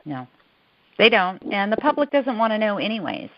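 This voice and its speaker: A woman's voice: mid-range voice, sing-song, moderate pace, highs cut off, heavy background noise. A woman in her thirties from Florida calling in to a group call, blunt and outspoken. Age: 30s. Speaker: caller. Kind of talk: casual conference call chat.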